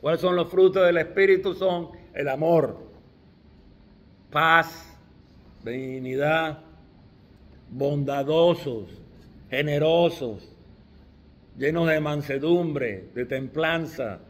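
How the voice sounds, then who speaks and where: A man's voice: on the high side, slow, pauses often. A middle-aged man preaching a sermon, stressing key words with restarts along the way.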